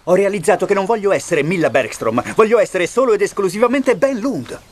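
An actor playing a wry, restless writer who used to be a cop, in dubbed film dialogue over soft music. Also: male voice, high-pitched, expressive, a little fast.

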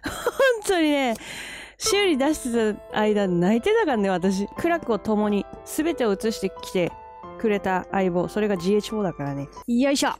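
A woman vlogging in a casual, chatty way, gushing and quick to laugh as she unboxes gear. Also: medium pitch, sing-song, a little mellow. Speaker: camera vlogger. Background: background music.

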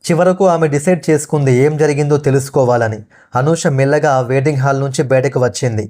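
A man narrating a scripted horror story in a steady, measured way. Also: medium pitch.

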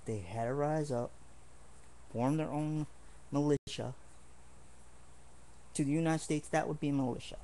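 Slow, rambling earnest man. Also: fairly high pitch, mellow. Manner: rambling, earnest, with many restarts. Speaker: martial arts hobbyist showing swords. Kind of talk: casual home video demonstration.

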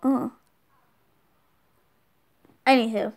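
A woman's voice: on the high side, steady tone, very slow, vocal fry, a little mellow. A young woman chatting casually on her vlog, rambling playfully and jumping from topic to topic. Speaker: YouTuber.

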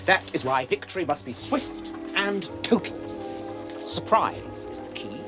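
An actor playing a commanding officer who briefs an agent in a crisp, authoritative way. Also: male voice, sits high, very animated, a little slow, music in the background. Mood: resolute.

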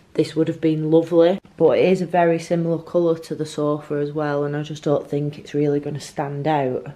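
In her living room, a Northern English woman chats casually to camera for her home vlog. She has a low-pitched, mellow voice and muses aloud with some hesitation.

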